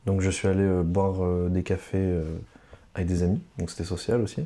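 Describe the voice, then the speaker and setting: Playful man in his thirties, lowish voice. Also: little pitch movement, brisk, dark tone. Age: 30s. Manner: playful, teasing, laughs often. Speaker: co-host. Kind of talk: casual chat.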